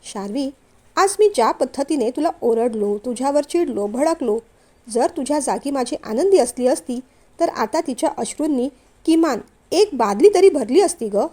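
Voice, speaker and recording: A woman voicing a stern older male company boss in a storybook reading, in a lowered voice. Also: expressive, moderate pace, mellow. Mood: wry.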